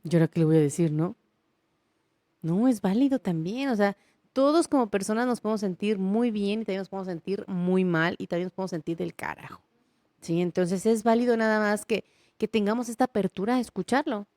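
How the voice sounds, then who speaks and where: A woman's voice: mid-range voice, a little fast, a little mellow, dry recording. A woman psychologist explaining ideas on a podcast, guiding and often checking that she is understood. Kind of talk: conversational podcast chat.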